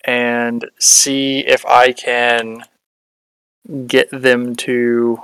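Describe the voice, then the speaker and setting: A woman plays a tabletop role-playing game in casual talk. Her voice is extremely low and very slow, yet smooth and resonant. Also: flat delivery, fairly bright tone, no echo, rough recording.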